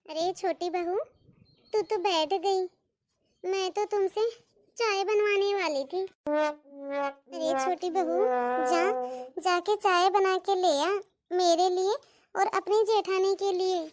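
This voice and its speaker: Woman voicing a cartoon mother-in-law, stern, scolding, very high voice. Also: steady tone, takes it slowly, pauses often, no room sound, studio quality. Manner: scolding, commanding, calls daughters-in-law "bahu". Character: stern but fair Indian mother-in-law. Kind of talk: cartoon voice acting.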